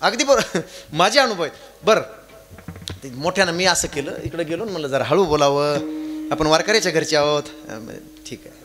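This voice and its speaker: A man preaching a devotional kirtan sermon, telling stories and swinging between loud chanting and soft chuckling asides. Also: a little high, lively intonation, brisk. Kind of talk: Marathi kirtan sermon with storytelling.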